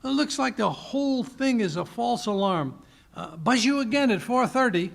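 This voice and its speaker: A man's voice: very high voice, lively intonation, normal speed, creaky, full character voice. A man acting a flustered, anxious English doctor sidekick in a 1940s-style radio drama, blustering and stammering.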